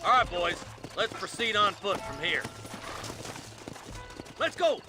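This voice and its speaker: An actor voicing a gruff frontier marshal, commanding and plain-spoken. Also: male voice, high voice, very animated, takes it slowly, music in the background, full character voice, low-quality recording. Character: gruff small-town marshal leading a posse.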